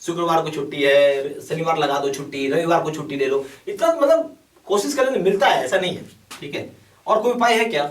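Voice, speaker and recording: A man's voice: on the high side, lively intonation, a little fast. Urging male tutor in an echoey room. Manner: repeats "okay" often, urging and emphatic. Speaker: bank exam coaching teacher. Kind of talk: explaining a course to students. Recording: echoey room, mic at a distance.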